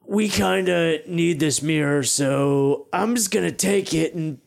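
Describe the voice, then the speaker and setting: A man's voice: on the high side, a little slow, vocal fry. A man playing a tabletop game, speaking casually as his character and as himself.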